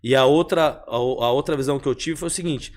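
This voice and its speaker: A young man, talking as a podcast guest. He tells his story casually, repeating himself and acting out every exchange. His voice sits at a middle pitch. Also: brisk. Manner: animated, repeats phrases, acts out the dialogue.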